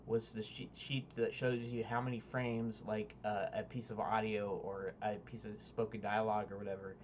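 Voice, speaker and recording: A man's voice: lowish voice, flat delivery, normal speed, darkish tone, a little hiss or hum. A man making a casual game-dev video log, explaining his setup in a rambling, hesitant way with many fillers and restarts. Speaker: indie game developer. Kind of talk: casual devlog talk to camera.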